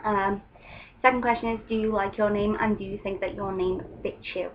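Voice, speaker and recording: A woman's voice: medium pitch, fairly even intonation, normal speed, dull audio. A young woman from England chatting casually on a home video, with frequent ums. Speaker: vlogger. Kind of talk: casual chat. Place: room at home with open window. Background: faint ambient noise through the window.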